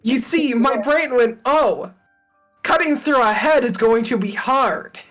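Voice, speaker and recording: A woman's voice: fairly high pitch, unhurried, fairly bright tone, faint music behind. A woman player in casual tabletop role-play chat, jokey and exclaiming, given to swearing.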